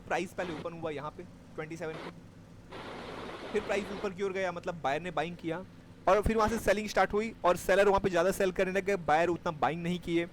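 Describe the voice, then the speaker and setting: A man's voice: sits high, fairly even intonation, fast talker, a little hiss or hum. A man teaching a live class on trading, explaining step by step and checking that his students follow. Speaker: stock market trading teacher.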